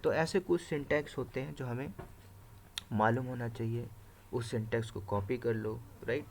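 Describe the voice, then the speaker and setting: A male instructor teaches a live command-line class over screen share, explaining each step as he types and checking in with "right?" and "okay." His mid-range voice is creaky and a little mellow, with fairly even intonation and a moderate pace, and there's a little hiss or hum.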